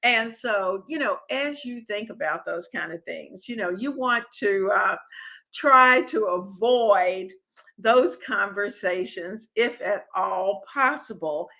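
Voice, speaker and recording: A woman's voice: medium pitch, slow, bright, forceful tone, rough recording. A middle-aged woman hosting a home cooking live stream, chatting with viewers in a rambling, friendly way with many restarts. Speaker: cooking channel host.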